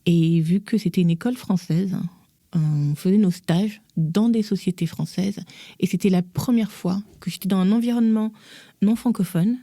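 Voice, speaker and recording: A woman from Gabon, a podcast guest, chatting casually and telling lively stories in which she acts out what people said. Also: medium pitch, moderate pace, no echo, clean studio sound. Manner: lively storyteller who acts out quotes. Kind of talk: casual interview conversation.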